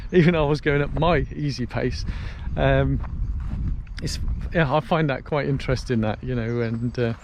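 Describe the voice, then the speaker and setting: A man's voice: mid-range voice, normal speed. A British man talking casually to his viewers as he walks outdoors, telling stories in a chatty vlog style. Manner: chatty storytelling while walking outdoors. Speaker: vlogger. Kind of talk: casual walk-and-talk vlog. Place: outdoors on a canal path. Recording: faint outdoor ambience and traffic noise.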